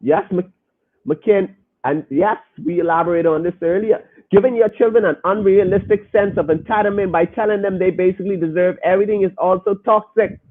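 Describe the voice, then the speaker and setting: Reacting to listener comments, a podcast host with a high-pitched male voice preaches emphatically and speaks directly to his audience at a fairly quick clip. The sound is narrow-band, much like a phone call.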